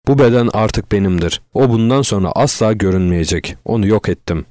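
A man's voice: on the low side, fairly quick, a little mellow, dry recording, clean studio sound, lightly acted. A man doing a growling cruel killer. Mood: menacing. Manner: growling, contemptuous. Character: menacing male serial killer, cruel, unstable.

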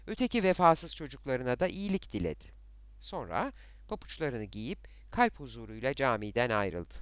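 A man narrating a novel in a dramatic, expressive storytelling manner. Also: fairly high pitch, clean tone, dry recording.

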